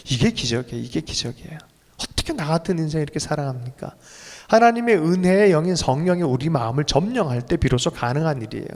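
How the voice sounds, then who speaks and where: Emotive pastor preaching in a hall. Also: male voice, animated, fast, darkish tone. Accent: Korean. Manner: emotional, rising to sudden high bursts. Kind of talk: sermon. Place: church sanctuary. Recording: long reverb of a church hall.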